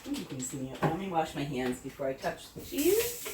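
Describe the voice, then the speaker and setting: A woman's voice: sits low, wildly swooping pitch, brisk, background noise. A middle-aged woman hosting her own home cooking video, chatting casually and rambling as she tastes the food. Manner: chatty, rambling, self-correcting, tasting food as she talks. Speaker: home cooking channel host. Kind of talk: casual cooking demo chat. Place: home kitchen. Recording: echoey kitchen, voice from a distance.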